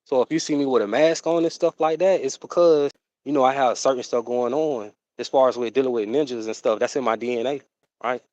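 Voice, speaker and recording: A man's voice: medium pitch, a little mellow. A man talks to his livestream viewers in a loose, rambling way, piling on fillers and asides. His voice sits in a middle register. The sound is dry and close, with no room echo. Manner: rambling, drawn-out, full of fillers and "you know what I'm saying". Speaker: livestream host. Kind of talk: casual livestream chat.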